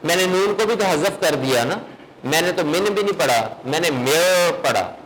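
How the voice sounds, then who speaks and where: A man teaching a recitation class, quizzing his students on the rules and chanting verses slowly to show how they are read. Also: on the high side, expressive, a bit bright, a little hiss or hum, low-quality recording. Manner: questions students, then chants verses in slow melodic recitation. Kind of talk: classroom lesson.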